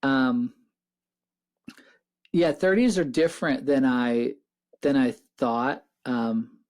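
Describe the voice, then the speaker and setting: A man in his thirties hosts a casual podcast conversation. He rambles and restarts his sentences often, in a friendly, chatty way. His voice sits at an ordinary middle pitch. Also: takes it slowly, darkish tone. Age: 30s. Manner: chatty, rambling, self-interrupting. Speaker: podcast host. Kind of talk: casual interview chat.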